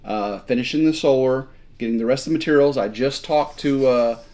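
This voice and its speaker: A man's voice: mid-range voice, brisk, mellow. A man in his fifties co-hosting a casual chat indoors at home, joking and rambling with repeated words. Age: 50s. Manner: jokey, rambling, stammers on repeats. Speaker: co-host.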